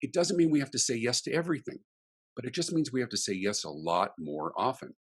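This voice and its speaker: A man's voice: mid-range voice, fast, breathy edge. A middle-aged man, a guest speaker on a podcast, talking emphatically in a ranting, example-filled way. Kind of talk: animated interview talk.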